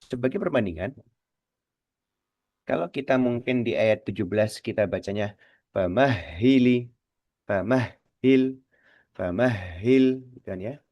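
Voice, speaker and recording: A man teaching Quran recitation on a radio lesson, slow and patient, repeating words to demonstrate, his voice trailing off softly at the ends of phrases. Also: lowish voice, lively intonation, dry recording, dull audio.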